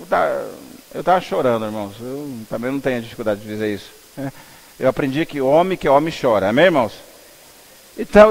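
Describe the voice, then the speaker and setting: A Brazilian man, a pastor, preaching a conversational, storytelling sermon with asides to the congregation, in a church. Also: mid-range voice. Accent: Brazilian Portuguese. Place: church sanctuary. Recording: long church hall reverb.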